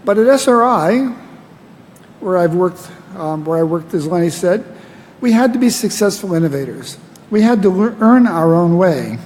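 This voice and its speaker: An older American man giving a prepared acceptance speech at a ceremony, measured and dry-humored, at a podium microphone. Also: high voice, lively intonation, a little mellow. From United States. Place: large ceremony hall. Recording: long hall reverb, faint noise.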